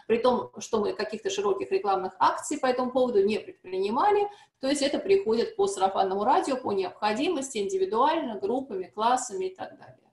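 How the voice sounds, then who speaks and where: Speaking at a seminar on language testing, a woman with a fairly high, darkish voice gives an academic presentation, explaining things carefully but often hesitating, using fillers, and restarting. Her voice echoes as if in a conference hall.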